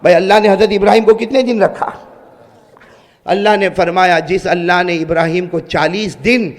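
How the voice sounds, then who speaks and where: A man preaching a dramatic story sermon, animated and prompting the crowd to answer him. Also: high voice. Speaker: preacher, Quran reciter. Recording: long hall reverb.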